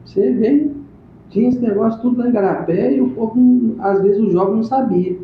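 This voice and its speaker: A man's voice: sits high, brisk, slight background noise. A man, interviewing in a chatty, casual way, prompting with questions. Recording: echoey room on a tinny phone-like line.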